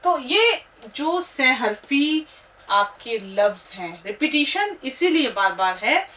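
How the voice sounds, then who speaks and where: A woman teaching Urdu, slowly and patiently spelling words out letter by letter. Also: high voice, very animated, pushed and bright, recorded from a distance.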